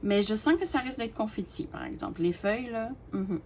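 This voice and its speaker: A woman, casually showing off her craft collection, chatty and hesitant with lots of fillers and soft laughs. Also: medium pitch, animated, fairly quick, slight background noise. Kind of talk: casual show-and-tell.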